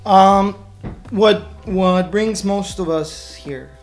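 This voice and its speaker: A man's voice: high voice, drawn-out words, soft background music. A man from Mexico with a Mexican accent, a friendly interview guest who thinks aloud, with frequent ums and restarts. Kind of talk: casual interview.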